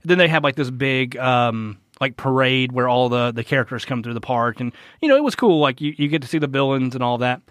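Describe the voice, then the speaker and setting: A man talks loosely on a podcast, piling up filler words and casual swearing. His voice sits at a middle pitch. The recording is dry and close, with no room sound. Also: lively intonation, fairly quick, hardly any pauses, fairly bright tone, dry recording. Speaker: podcast co-host. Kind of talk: casual chat.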